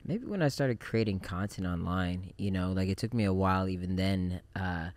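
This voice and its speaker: Male podcast guest, thirties, low voice, relaxed and reflective. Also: normal speed, no room sound. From Japan. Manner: relaxed, reflective, many fillers. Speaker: podcast guest, film director. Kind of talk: casual interview chat. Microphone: studio mic on boom arm.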